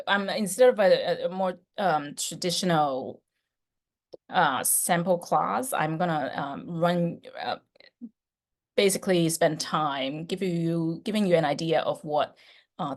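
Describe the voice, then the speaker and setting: A middle-aged woman professor on a video call, talking chattily with many fillers and restarts. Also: on the low side. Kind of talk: online class introduction.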